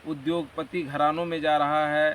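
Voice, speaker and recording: A man's voice: a little high, little pitch movement, moderate pace, a bit bright. Earnest Hindi-speaking man, distant mic. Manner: earnest, motivational, rambling explanations. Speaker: interview guest. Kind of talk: conversational interview. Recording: distant mic with faint background noise.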